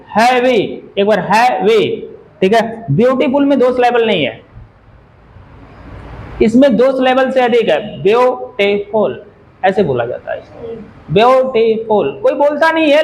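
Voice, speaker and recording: A man with a strikingly high voice lectures a classroom of students as their grammar teacher. He keeps putting questions to the class and repeats words several times to drill them in. A faint hiss of noise sits under the recording. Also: a little mellow, low-quality recording.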